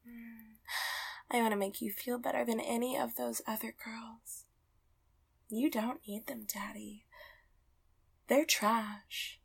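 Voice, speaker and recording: A woman performing an intimate roleplay in soft, close whispers, often laughing quietly. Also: a little high, vocal fry, husky.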